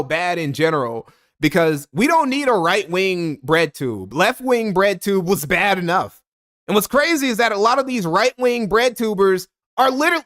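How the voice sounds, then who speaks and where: A man's voice: high-pitched, fairly bright tone. A man commentating live on a stream, blunt, profane and mocking as he reacts to a video.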